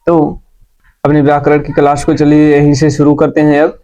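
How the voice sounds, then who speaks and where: A man teaching a Hindi grammar class, explaining slowly and repeating key points for his students. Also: on the high side, monotone, mellow. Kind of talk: classroom lesson. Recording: dull lo-fi sound.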